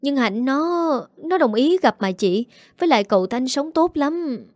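A woman voicing a gentle, anxious neighbor woman who speaks softly and hesitantly. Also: a little high, animated, moderate pace, no room sound, studio quality, close to an everyday voice. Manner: soft, hesitant pleading.

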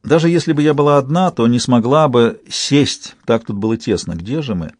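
A man reading an audiobook in a measured, tense first-person narration. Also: medium pitch, animated, a little mellow, no room sound, studio quality. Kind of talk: scripted narration.

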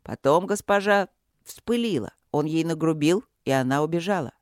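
A narrator voicing a male palace guard who reports in an even, matter-of-fact way. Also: medium pitch, moderate pace, no room sound, clean studio sound, natural voice. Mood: dutiful.

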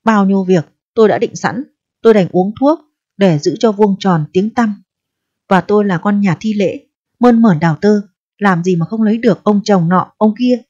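A woman's voice: moderate pace, warm tone, no echo, lightly acted. A woman voicing a distressed, proud eighteen-year-old pregnant girl who pleads and reproaches in a storybook reading. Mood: bitter resolve. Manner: pleading and reproachful, turning shrill when upset. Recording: dull, dry audio.

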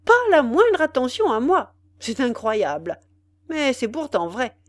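A woman's voice: high-pitched, big pitch swings, unhurried, dry recording, voice pushed up. A woman voicing a vain, foppish young male officer in a storybook reading, chattering and boastful.

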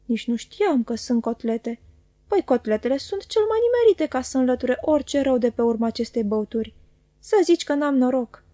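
A woman's voice: sits high, lively intonation, warm tone, dry recording, studio quality. A woman reading an audiobook and voicing a chatty, coaxing, greedy male inn waiter. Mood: jovial.

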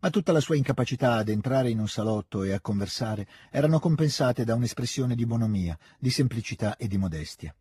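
Needs: male narrator for a classic novel; calm and measured, dark and husky, close dry studio sound. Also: mid-range voice, no echo. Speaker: reader. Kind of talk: scripted literary narration.

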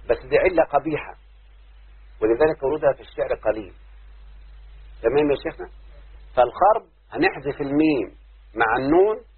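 A man with an Egyptian accent teaching Arabic prosody in a class, explaining step by step and often checking that his students follow. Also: a little high. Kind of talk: classroom lesson. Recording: husky lo-fi phone-like recording.

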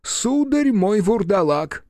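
A tearful, fussy old professor, as a male reader puts him on, his voice pitched high and stretched out in long wailing phrases. It sounds dry and close, with lively swings of pitch. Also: dry recording, heavily acted. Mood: lamenting. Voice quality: high, wailing, drawn-out delivery.

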